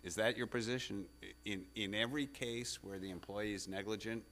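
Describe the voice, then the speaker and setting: A male appellate judge with a deep voice questions a lawyer from the bench. His delivery is halting and probing, with a skeptical edge. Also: fairly even intonation, a bit bright, a little hiss or hum. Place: courtroom.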